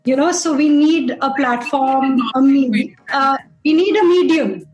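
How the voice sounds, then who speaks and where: A woman's voice: sits high, a little slow, a little mellow, echoey room, rough recording. A woman with an Indian accent talking conversationally as a panel guest, emphatic and switching between English and Hindi.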